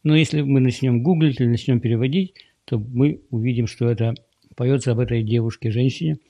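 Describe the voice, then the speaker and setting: Gravelly, dark-voiced man teaching English. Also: medium pitch, no echo, dull audio. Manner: explains patiently, slowly repeats English words. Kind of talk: casual screen-share language lesson.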